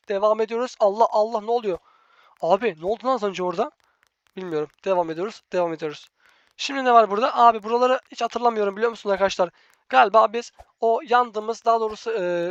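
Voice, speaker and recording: A man hosting a let's-play gaming video, chatty and excitable, constantly addressing his viewers. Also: high voice, no room sound, lo-fi sound. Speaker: gaming channel host. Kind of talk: let's-play gameplay commentary.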